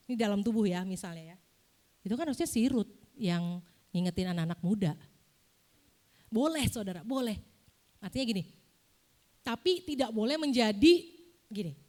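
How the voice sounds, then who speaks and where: A young woman giving a casual, lively sermon in a church, often asking the congregation questions. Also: a little high. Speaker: preacher.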